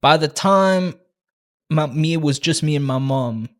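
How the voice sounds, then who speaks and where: A man's voice: on the high side, a little slow. A young South African man, a podcast guest, chatting casually with frequent restarts and joking asides. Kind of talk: casual interview chat.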